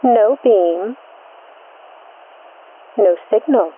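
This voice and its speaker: With a husky, mid-range voice, a woman serves as host and narrator of a mystery program done in 1940s radio fashion. She is measured and deliberate, using short phrases for suspense, and the audio is tinny, band-limited and static-laden like vintage radio.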